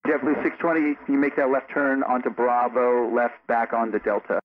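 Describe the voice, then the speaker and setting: A man working as an air traffic controller, giving calm, measured instructions to pilots over a radio with static bursts. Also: mid-range voice. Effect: radio transmission with static bursts. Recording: tinny radio with faint static.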